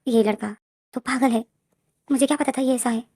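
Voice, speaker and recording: A flustered young male teacher protests in shocked, indignant bursts, as a woman reads him in a story. The voice is rather high and dry, right at the mic. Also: fairly even intonation, fairly quick, dark tone, breathy edge, no room sound. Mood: worried.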